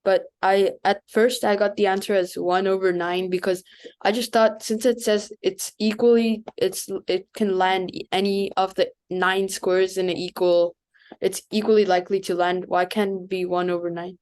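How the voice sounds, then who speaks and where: Female student, smooth clean voice at middle pitch, thinking through a question aloud in class. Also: little pitch movement, moderate pace, darkish tone. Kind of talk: casual class discussion.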